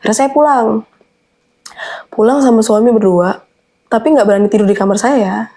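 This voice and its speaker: A woman's voice: a little high, moderate pace, mellow. A young adult woman telling a personal horror story in an earnest, anxious way. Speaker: guest storyteller.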